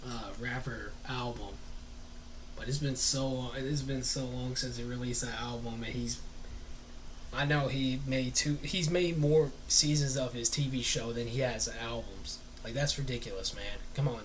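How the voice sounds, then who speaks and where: A man's voice: mid-range voice, a little hiss or hum, low-quality recording. A man talking casually on a live stream as he reviews an album, rambling loosely and swearing now and then.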